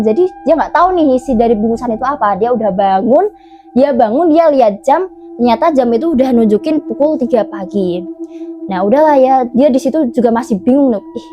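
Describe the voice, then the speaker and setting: A woman's voice: fairly high pitch, muffled recording. A woman casually retelling a mountain-camping ghost story, chatty and full of fillers and self-corrections.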